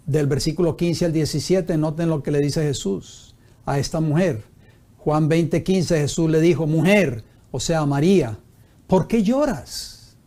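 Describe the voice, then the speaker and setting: A man's voice: fairly high pitch, warm tone. A man pastor teaching a Bible study sermon, reading scripture aloud and asking his listeners rhetorical questions.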